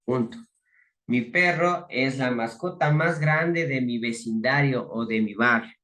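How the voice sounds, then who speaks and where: Male teacher, unhurried, patiently spelling out rules. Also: medium pitch, pushed and bright. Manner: slow, methodical, repeats rules step by step. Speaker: English teacher. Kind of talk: slow classroom explanation.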